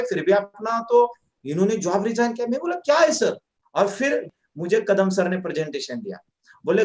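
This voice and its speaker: A man's voice: high voice, roomy sound. A man telling his own story as a motivational testimonial, acting out the dialogue. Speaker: direct selling distributor.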